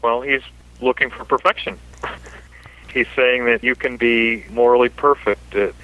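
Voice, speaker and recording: A man, a church elder on a podcast panel, calling in over a telephone so his voice sounds thin and tinny with no bass, chatting casually. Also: steady tone, a little slow. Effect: thin, tinny phone-line sound with no bass.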